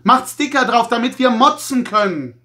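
A man's voice: extremely high pitch, animated, normal speed, bright, forceful tone, voice pushed up, exaggerated voice. A man playing a melodramatic, outraged toy reviewer who rants in a wailing, theatrical way as satire. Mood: indignant. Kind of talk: satirical rant.

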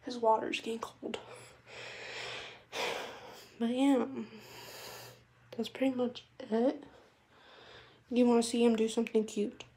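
A woman's voice: on the high side, little pitch movement, slow, long pauses, warm tone, husky. A young woman chatting casually in a pet vlog from her messy bedroom, a bit out of breath and unwell, rambling with lots of fillers. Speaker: vlogger.

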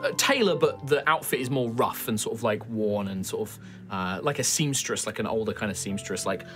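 A man acts as game master of a tabletop game, improvising his narration in pieces with pauses to think. His voice is bright and moves animatedly in pitch, with faint music underneath. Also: expressive. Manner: halting, pausing mid-phrase to think. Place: indoor studio set, group at table.

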